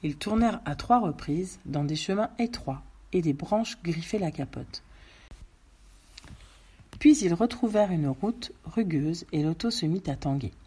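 A woman narrating a novel aloud in measured storytelling. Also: lowish voice, expressive, warm tone, breathy edge.

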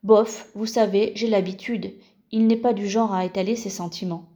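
A woman's voice: mid-range voice, fairly even intonation, normal speed, warm tone, lightly acted. A woman reading the lines of a determined, outspoken schoolgirl in a storybook. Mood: firm. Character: teenage girl, determined and blunt.

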